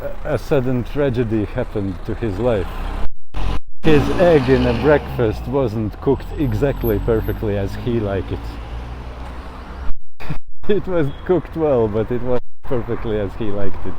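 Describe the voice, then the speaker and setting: A man in his thirties from Latvia, speaking in a slow, thoughtful personal monologue and laughing often as he talks. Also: medium pitch, lively intonation, noisy background. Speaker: travel vlogger. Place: outdoors in a town.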